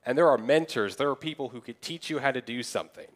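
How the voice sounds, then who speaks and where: A young man preaching a sermon as pastor, in a conversational way, acting out people's excuses in quick asides. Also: mid-range voice. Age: young adult.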